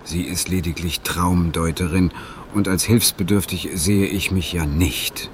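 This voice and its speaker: In a German audio drama, an actor plays a lonely, awkward dream-therapy client and romantic who defensively justifies himself with hesitation. His voice is low, steady and measured, with slight background noise.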